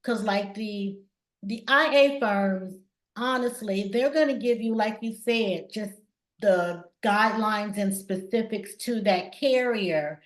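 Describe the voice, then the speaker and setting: A woman hosting an interview who is herself a claims adjuster, talking in lively, agreeing bursts. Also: medium pitch, slow. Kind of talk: interview conversation. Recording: echoey room.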